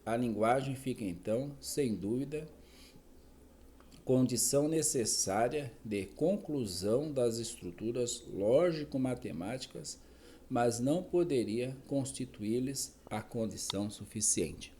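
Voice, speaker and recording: A man reads a dense academic text at a slow, deliberate pace. His voice is dark and mellow, with an even, average pitch. He stops now and then to correct a word or to add a quick aside. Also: breathy edge. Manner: slow, careful reading with self-corrections and asides. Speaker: reader. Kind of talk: reading a philosophy text aloud.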